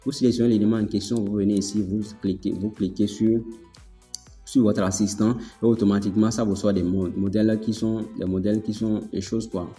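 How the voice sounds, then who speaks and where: A man hosting a casual software tutorial, talking it through step by step, repeating himself and checking in with his listeners. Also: lowish voice, level tone, a little fast. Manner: chatty, filler-heavy explaining. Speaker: tutorial host. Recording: echoey room, long reverb, faint music.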